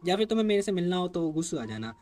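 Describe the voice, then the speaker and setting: A man's voice: high voice, big pitch swings, rapid-fire, darkish tone, recorded from a distance, faint music behind. A man voicing a shy, wistful young woman from a comic in his own voice.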